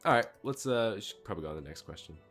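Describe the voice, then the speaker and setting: Man, deep voice, podcast co-host, halting, faint music behind. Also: expressive, a bit bright. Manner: halting, stammering starts. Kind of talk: casual podcast chat.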